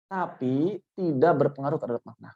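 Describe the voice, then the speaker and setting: A man's voice: a little high, animated, a little fast, muffled recording. A man teaching Quran recitation in an online workshop, patiently explaining with repeated examples.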